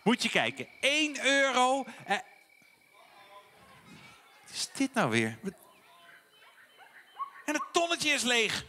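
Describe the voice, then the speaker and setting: An actor playing a bossy, excitable clown partner on a stage, giving orders and demanding answers. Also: male voice, very high voice, slow pace, pauses often, a little hiss or hum, full character voice. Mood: indignant. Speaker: stage comedian. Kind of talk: live children's theatre comedy. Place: theatre stage. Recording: theatre hall reverb.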